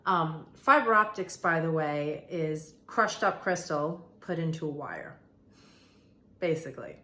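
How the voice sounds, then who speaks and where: Speaking in a low-pitched, sing-song voice that is unhurried yet pushed and bright, a woman who hosts a manifestation and meditation channel explains spiritual ideas informally. She chats emphatically with viewers, repeating phrases for weight, and the room sound is echoey and roomy.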